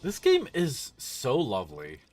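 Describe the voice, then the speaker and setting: A man's voice: medium pitch, wildly swooping pitch, measured pace, darkish tone, slight background noise. A tired man casually commenting on a driving game as he plays, rambling and yawning with lots of fillers. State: sleepy. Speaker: streamer.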